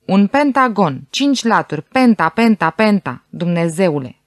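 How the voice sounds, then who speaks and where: A woman reading as an agitated male schoolteacher in an audiobook, yelling and exasperated at the board. His voice is high for a man and dry, with no room around it. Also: big pitch swings, no echo, natural voice. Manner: shouting, exasperated. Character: agitated male English teacher yelling at a student.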